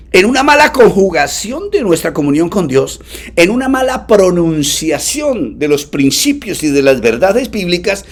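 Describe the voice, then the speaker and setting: Animated preacher man. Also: sits high, gravelly. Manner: preaches with swooping emphasis, calls the congregation to repeat after him; affectionate asides to the congregation. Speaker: pastor. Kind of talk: sermon.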